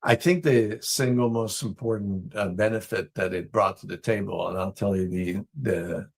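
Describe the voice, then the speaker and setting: A man from Israel, a business guest answering interview questions in a thoughtful, measured way with many fillers. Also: fairly low pitch, steady tone, gravelly, slightly rough.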